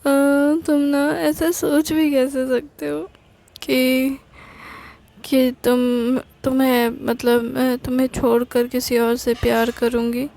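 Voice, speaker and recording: A woman voicing a tender young woman who soothes her partner in a romantic audio story, speaking softly and haltingly. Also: sits high, level tone, gravelly, heavily acted. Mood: affectionate. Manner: soft, coaxing, halting.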